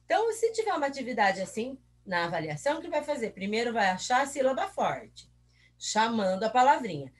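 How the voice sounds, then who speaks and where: Guiding young children through a review, a patient, encouraging teacher quizzes the class as she goes. She drags out example words slowly, one syllable at a time, in a fairly high voice that rises and falls in a lively way.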